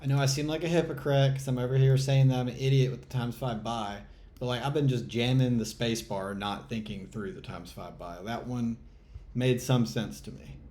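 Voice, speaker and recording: A man's voice: mid-range voice, steady tone, moderate pace, warm tone. A man talking to himself while playing a trading game, muttering and sighing in exasperation, swearing at the chart as he commentates live. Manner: muttering exasperated self-talk, swearing, sighs. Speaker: trading channel host.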